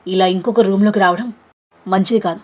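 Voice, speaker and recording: A woman's voice: mid-range voice, fairly even intonation, brisk, dull audio, natural voice. A woman voicing a proud, injured young man who barks harsh commands in a storybook reading. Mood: threatening.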